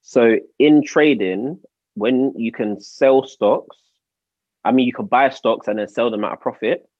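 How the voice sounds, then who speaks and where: A man's voice: on the low side, a little mellow, no echo, lo-fi sound. A young man with a London roadman accent, casually spelling out his points in slang as a podcast co-host. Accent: London, urban roadman slang. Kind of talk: casual explaining and chat.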